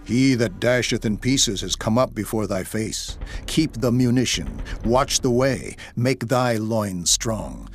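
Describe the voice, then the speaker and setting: A man's voice: on the low side, expressive, slow pace, hardly any pauses. Solemn man narrating scripture over music. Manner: solemn, declamatory delivery. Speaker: Bible narrator. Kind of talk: dramatized scripture narration in archaic English. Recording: music behind the voice. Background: background music.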